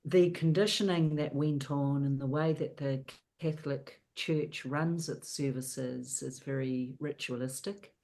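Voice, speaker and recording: Very low, slow New woman. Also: steady tone, dark tone. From New Zealand. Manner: measured, pausing often. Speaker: panel guest. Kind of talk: slow personal testimony on a video call. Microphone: video call.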